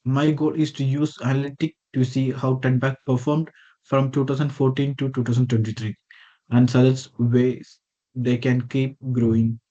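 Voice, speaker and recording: A man gives a scripted slide presentation over a video call. His voice is dark and mellow. The call audio sounds dull and muffled, and he reads with small slips that he corrects as he goes. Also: mid-range voice. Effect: heard over a video call. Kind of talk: reading a prepared slide presentation.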